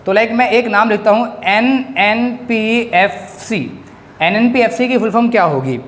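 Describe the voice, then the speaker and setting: A male economics teacher giving a classroom-style lecture, drilling his students with quick questions. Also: high-pitched, animated. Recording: echoey room.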